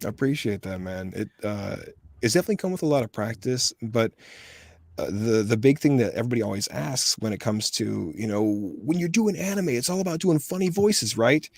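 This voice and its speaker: Creaky and mid-range, this man speaks a little fast with no room sound. He's an American voice actor in his thirties, a guest in a casual interview, telling animated stories and slipping into the voices of whoever he's quoting.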